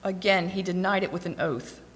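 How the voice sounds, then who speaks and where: A woman reading scripture aloud in a steady, clear voice. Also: fairly low pitch, brisk. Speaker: scripture reader. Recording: long echoing reverb.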